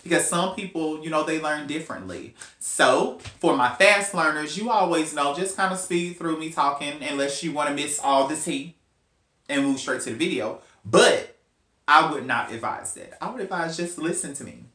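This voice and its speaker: A man's voice: fairly high pitch, moderate pace, bright, forceful tone. A man, chatting casually as a hair stylist vlogger, rambling with playful asides. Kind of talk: casual hair tutorial chat. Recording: roomy with faint hum.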